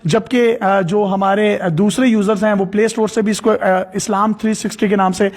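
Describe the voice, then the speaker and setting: A man's voice: sits high, fairly even intonation, darkish tone. A man hosting an interview, explaining an app step by step in devout phrasing. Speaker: host.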